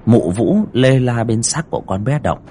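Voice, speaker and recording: A man's voice: medium pitch, moderate pace, a little hiss or hum. A man hosting a livestream, reading a village ghost story aloud with dramatic storytelling. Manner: dramatic storytelling with lively rises and falls.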